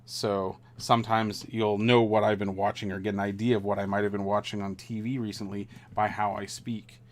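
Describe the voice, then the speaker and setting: A man casually chatting on a live stream while building a model kit, rambling and relaxed with many fillers and restarts. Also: on the low side, brisk, slight background noise.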